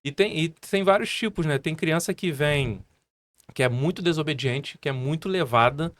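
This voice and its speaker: A man in his thirties with a Brazilian Portuguese accent, a martial arts instructor talking as a podcast guest and telling animated stories full of fillers. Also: fairly high pitch, normal speed. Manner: animated storytelling with many fillers. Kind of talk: casual podcast conversation.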